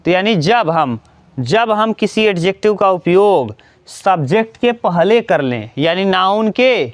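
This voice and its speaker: High, clear-voiced man teaching grammar. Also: animated, unhurried, no room sound. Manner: explains step by step, asks students questions and repeats key words. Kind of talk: classroom grammar lesson.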